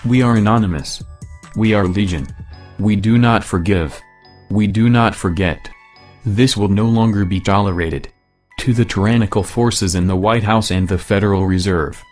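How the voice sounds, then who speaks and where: A man reading a scripted protest manifesto in a disguised deep voice, solemn and measured, declaiming in repeated phrases. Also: a little mellow, faint music behind. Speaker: anonymous activist spokesman.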